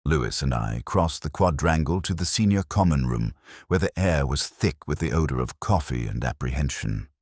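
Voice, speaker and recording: Very deep-voiced brooding detective narrator, Inspector Morse, played by a man. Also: animated, a little mellow, husky, dry recording, studio quality, full character voice. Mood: brooding, reflective. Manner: measured, deliberate, brooding phrasing. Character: pensive, melancholy male Oxford police inspector recounting a case. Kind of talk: scripted literary detective narration.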